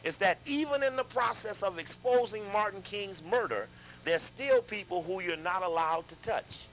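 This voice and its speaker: A man lecturing a live audience, animated, asking them questions and repeating himself as he talks. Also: high voice, moderate pace, creaky, a little hiss or hum, poor audio. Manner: animated, addresses audience directly, repeats and restarts.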